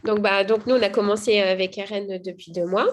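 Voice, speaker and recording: A mother telling how her child has changed, speaking casually with frequent pauses, fillers and restarts. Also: medium pitch, fairly even intonation. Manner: hesitant, many fillers and restarts. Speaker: mother giving a testimonial. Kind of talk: casual spoken testimonial.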